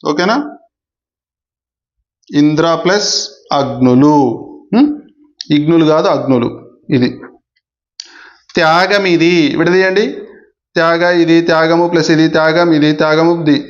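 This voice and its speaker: A man teaches an exam-prep grammar lesson, repeating key points and often asking "okay?" to check in with listeners. His voice is on the high side, and the audio is dull.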